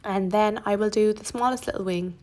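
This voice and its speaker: A young woman narrating a makeup tutorial in a chatty, relaxed way, with self-deprecating asides. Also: medium pitch, fairly quick.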